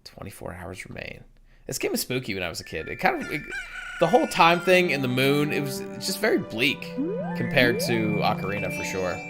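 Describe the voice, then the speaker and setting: A man's voice: medium pitch, wildly swooping pitch, brisk. A man giving casual, rambling and self-deprecating commentary while streaming a game. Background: game music.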